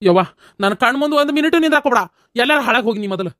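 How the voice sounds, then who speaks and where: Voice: mid-range voice, lively intonation, racing, a bit bright, dry recording, studio quality, natural voice. A voice actor playing an angry village husband in a cartoon, with a North Karnataka accent, scolding his in-laws in disgust. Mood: furious. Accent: North Karnataka Kannada. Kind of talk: cartoon comedy voice acting.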